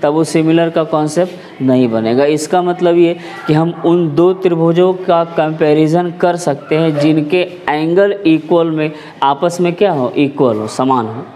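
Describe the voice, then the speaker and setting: A man's voice: fairly high pitch, a little slow, dark tone, slight background noise. A man teaching a math class, explaining patiently and often asking whether the students follow. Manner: explanatory, checks understanding with repeated questions.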